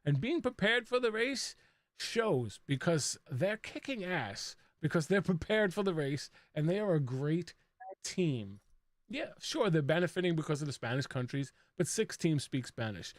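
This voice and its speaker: High-voiced man hosting a chatty recap. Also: big pitch swings, moderate pace, no echo, studio quality. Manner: chatty, laughs often mid-sentence. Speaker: podcast co-host. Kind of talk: casual recap chat.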